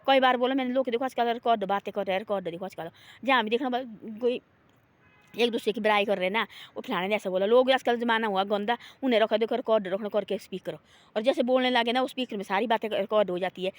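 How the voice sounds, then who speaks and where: High-voiced woman telling a folk tale. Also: no room sound. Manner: rambling folksy retelling, with many restarts and repeated tags meaning "he said". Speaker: storyteller. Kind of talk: oral moral storytelling.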